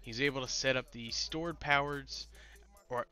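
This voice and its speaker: A man's voice: medium pitch, measured pace, sharp tone, soft background music. A man with a congested, pinched-nose sound from a cold, giving solo rankings commentary as the host. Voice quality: nasal, stuffed-up as if pinching nose. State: congested, getting over a cold. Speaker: host, esports league commentator.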